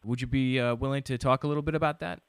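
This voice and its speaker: A man's voice: mid-range voice, fairly even intonation, fast, clean tone, no room sound, clean studio sound. A man hosting a show, interviewing a guest in a conversational way. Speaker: radio show host.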